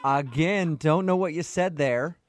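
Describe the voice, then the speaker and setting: Unhurried and fairly high-pitched, a male radio host pulls a prank call, acting confused with a straight delivery and choking back laughs. The recording is dry.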